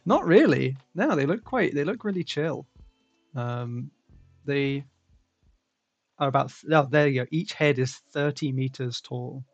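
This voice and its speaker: A young man chats casually as host, relaxed and rambling. His voice has a gravelly, fried texture. The sound is dry and close on a call mic. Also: mid-range voice, measured pace, no room sound, muffled recording, soft background music. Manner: relaxed, rambling with frequent fillers and laughs. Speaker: stream host. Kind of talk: casual chat.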